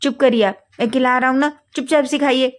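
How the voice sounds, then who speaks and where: A woman's voice: high voice, steady tone, fairly quick, pitched above the performer's own voice, lightly acted. A woman voicing a caring young man who scolds and nags his partner and stammers when flustered. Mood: scolding.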